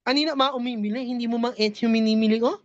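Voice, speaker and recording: A man's voice: extremely high pitch, fairly even intonation, fast talker, no echo. A woman voicing a man who speaks with a heavy nasal, muffled voice and gets easily annoyed in a spoken joke. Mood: irritated. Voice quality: heavily nasal, muffled speech.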